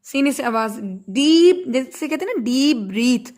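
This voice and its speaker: A woman's voice: high-pitched, lively intonation, darkish tone. A woman teaching Quran recitation online, patiently correcting students and chanting verses to show how they should sound.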